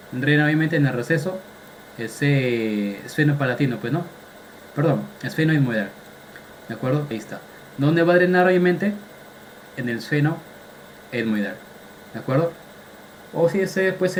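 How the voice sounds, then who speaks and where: A man's voice: a little high, slight background noise, poor audio. A man lecturing medical students on anatomy, firing repeated quiz questions and mixing casual slang into technical explanations. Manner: drills students with repeated questions, quizzing them; sprinkles casual slang among technical terms.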